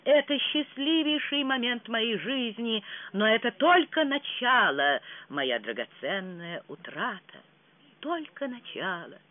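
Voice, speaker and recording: A reader voicing a lovestruck young actress who gushes in breathy, rapturous exclamations, from an audiobook. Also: mid-range voice, very animated, takes it slowly, no room sound, pitched above the performer's own voice. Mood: urgent. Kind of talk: audiobook reading. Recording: tinny phone-like sound.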